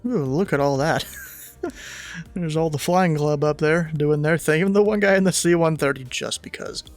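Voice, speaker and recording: Creaky higher-voiced man as tower controller. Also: moderate pace, faint music behind. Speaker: livestreamer playing air traffic controller. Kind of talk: radio phraseology mixed with casual stream chat.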